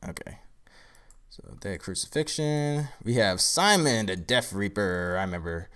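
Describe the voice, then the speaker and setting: A man with a somewhat low voice, groggy and worn out after a long day. He talks loosely and thinks aloud, wandering through casual explanations on a live stream. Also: lively intonation, unhurried, a bit bright, clean tone. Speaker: card game creator.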